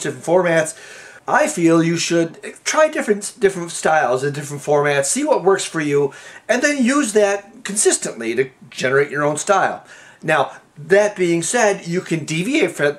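A man's voice: on the high side, big pitch swings, moderate pace. A man hosting a casual programming lesson, walking through code in a folksy, rambling way with frequent restarts and fillers. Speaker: programming tutorial host. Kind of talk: casual screen-recorded coding lesson.

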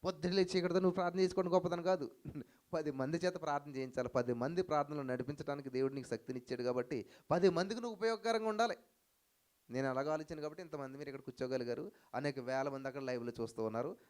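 A male pastor preaching a sermon to a live congregation, with rhetorical questions and loud hallelujah cries. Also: a little high, racing. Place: church hall with live audience.

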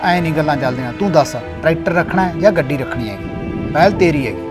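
A man's voice: fairly high pitch, expressive, quick pace, close to an everyday voice. A man acting an elder brother who insistently reasons with his family to settle a household quarrel. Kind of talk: family comedy skit acting. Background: music.

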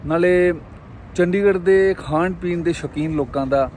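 A man's voice: high-pitched, unhurried, darkish tone. A man narrating a casual food and travel vlog outdoors, speaking politely and explaining things to his viewers. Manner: friendly, explanatory, polite with frequent "ji". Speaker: food vlogger. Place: roadside by a hill town market, outdoors. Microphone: phone or camera held at arm's length. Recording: outdoor noise and passing traffic.

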